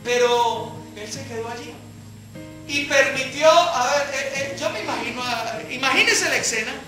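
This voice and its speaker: A woman teaches a Bible study in a high, bright voice, taking her time and acting out the quotes. She poses rhetorical questions to her listeners. The sound is roomy, with faint music underneath. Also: normal speed. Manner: animated, acts out scripture quotes, asks rhetorical questions. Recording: echoey hall with faint music.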